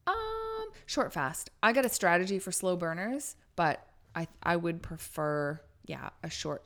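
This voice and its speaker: Blunt woman with a gravelly edge. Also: lowish voice, big pitch swings, measured pace, a bit bright. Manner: blunt, swears freely, laughs often. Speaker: podcast co-host. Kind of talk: casual podcast chat.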